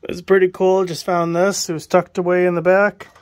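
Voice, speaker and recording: Mumbling his way through a cluttered shed indoors, a New England man films a cleanout on his handheld phone as an estate sale buyer. He talks to viewers in a relaxed, musing way as he picks items, his high voice a little fast.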